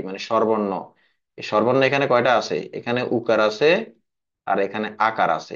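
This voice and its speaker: A man's voice: mid-range voice, lo-fi sound. A man teaching an English class, often questioning his students and repeating himself. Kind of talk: classroom lesson.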